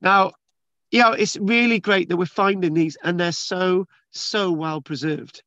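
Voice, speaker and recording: A man's voice: high voice, steady tone, measured pace, bright, forceful tone, no echo, lo-fi sound. A man reading news articles aloud and commenting in a rambling, casual way, with many restarts and fillers. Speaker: channel host reading and discussing archaeology news. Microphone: video call screen share.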